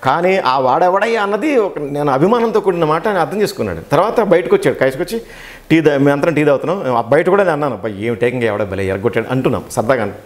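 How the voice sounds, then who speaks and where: A Telugu-accented man talks fast and with energy, his voice sitting a little high for a man. He is a dubbing artist telling stories in an interview, and he acts out the lines he quotes. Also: lively intonation. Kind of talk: interview, animated storytelling.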